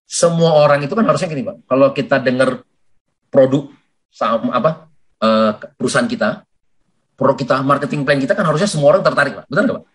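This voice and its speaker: A man giving a lively sales coaching talk for network marketing, who often addresses his listeners as sir and acts out sales conversations. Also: medium pitch, fast. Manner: animated, addresses listeners as "Pak" constantly.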